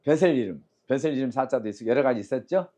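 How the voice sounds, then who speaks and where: A man's voice: mid-range voice, animated, quick pace, mellow. A man teaching Chinese characters and tones, quizzing his students and drilling sounds aloud in a call-and-response lecture.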